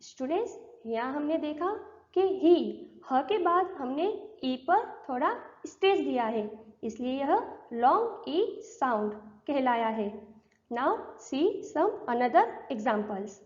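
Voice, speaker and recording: Slow high-voiced Indian woman teaching grammar. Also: expressive. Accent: Indian English. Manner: slow, deliberate English with quicker Hindi explanations. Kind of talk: school grammar lesson. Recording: dull lo-fi recording.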